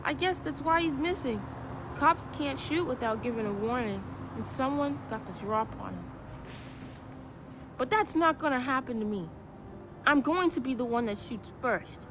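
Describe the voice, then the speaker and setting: A woman's voice: high-pitched, animated, moderate pace, background noise. A woman voicing a defiant teenage boy in a video game, talking in a sulky, stubborn way. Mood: sullen.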